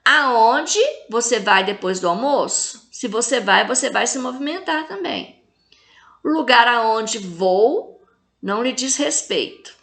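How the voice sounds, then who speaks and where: A woman teacher with a Brazilian accent giving a recorded lesson to children, slowly drawing out example words. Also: on the high side, expressive, vocal fry, fairly bright tone. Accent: Brazilian Portuguese. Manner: slow, drawn-out syllables when reading example words.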